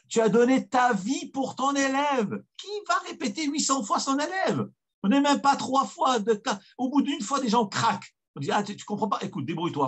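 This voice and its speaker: A man's voice: high voice, a bit bright, breathy edge. A man, a rabbi, giving a weekly Torah lesson in an emphatic storytelling way, repeating key phrases for weight.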